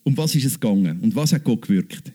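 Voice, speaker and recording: A man's voice: mid-range voice, animated, fast talker, dark tone, husky. A man preaching, emphatic and repeating key phrases, then interviewing a woman from the stage. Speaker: pastor. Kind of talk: sermon.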